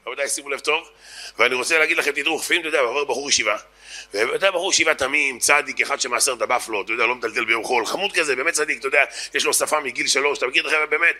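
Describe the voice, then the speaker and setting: A man delivering a comedic speech to an audience, animated and mocking, full of rhetorical questions. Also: a little high.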